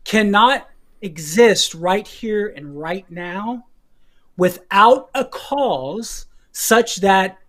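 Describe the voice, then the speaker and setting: A man's voice: high voice, extremely slow, fairly bright tone. Man, guest teacher, careful explanation, repeats himself, checks in with okay, coughing now and then. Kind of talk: explaining philosophy to hosts.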